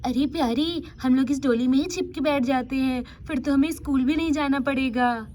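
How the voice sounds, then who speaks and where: Woman playing cheeky little girls in a doll story, high and eager, whispering plans. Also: moderate pace, warm tone, a little hiss or hum, close to an everyday voice. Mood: excited. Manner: eager, chattering. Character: two mischievous little village girls.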